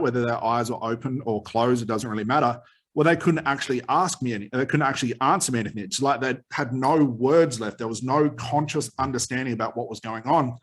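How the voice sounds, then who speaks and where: Slightly husky man explaining informally. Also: medium pitch. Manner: conversational, explanatory, repeats and rephrases key points. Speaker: hypnotherapist trainer. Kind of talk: informal explanatory lesson, answering a question.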